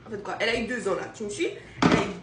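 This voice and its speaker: In a very noisy recording with a roomy home echo, a young Guadeloupean mother rattles off a story to a friend on a phone video call. Her voice is mid-range and rapid-fire, and she laughs often and keeps asking "you see?" in this casual, animated chat.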